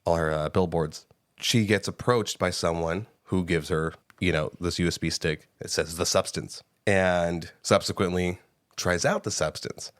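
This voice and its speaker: A man co-hosting a podcast, giving a casual, animated movie review with frequent swearing and laughter, close on the mic. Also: low voice, measured pace, dry recording. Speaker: podcast co-host. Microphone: close studio mic.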